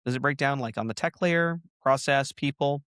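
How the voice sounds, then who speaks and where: A man's voice: medium pitch, normal speed, fairly bright tone, smooth, no echo, clean studio sound. Man hosting, hesitant thoughtful questions. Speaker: podcast host. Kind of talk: conversational podcast interview.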